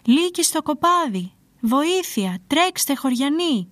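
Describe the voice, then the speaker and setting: A woman voicing a bored, mischievous young male shepherd who shouts excitedly. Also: a little high, no echo, close to an everyday voice. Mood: desperate.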